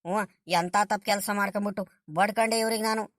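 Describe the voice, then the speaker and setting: A woman's voice: medium pitch, fairly even intonation, quick pace, no room sound, studio quality, lightly acted. A woman voicing an anxious, fawning male servant, who frets, pleads and whines. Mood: fretful. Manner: fretful, pleading, whiny.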